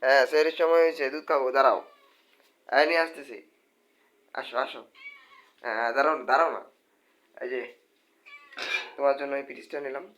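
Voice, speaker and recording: A man's voice: medium pitch, fairly even intonation, fairly quick, long pauses, fairly bright tone. A man, filming at home at night and coaxing cats with repeated sing-song calls. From Bangladesh. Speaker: vlogger feeding cats. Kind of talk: casual home video. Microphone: phone camera.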